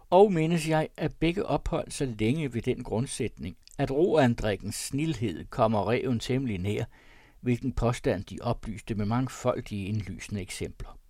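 A man's voice: mid-range voice, animated, darkish tone, no echo, clean studio sound. Man reading classic prose aloud. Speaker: narrator.

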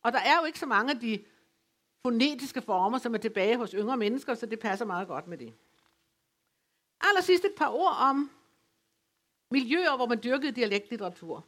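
A woman from West Funen giving an academic lecture, speaking in a measured, explanatory way with occasional hesitations. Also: fairly high pitch, lively intonation, fairly bright tone. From West Funen, Denmark. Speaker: lecturer on dialect literature. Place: folk high school lecture venue.

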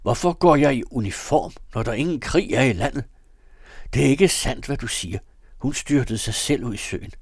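A man's voice: sits low, vocal fry, darkish tone, slightly rough, no echo, clean studio sound, heavily acted. A man reading aloud, voicing a guilt-haunted husband in uniform who rambles frantically.

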